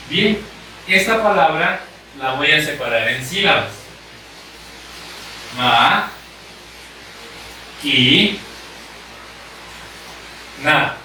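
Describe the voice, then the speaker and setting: A man teaching a grammar lesson at a board, speaking slowly and deliberately and repeating the key points. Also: fairly high pitch, bright, forceful tone, a little hiss or hum. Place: room with a board. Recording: echoey room, mic far off.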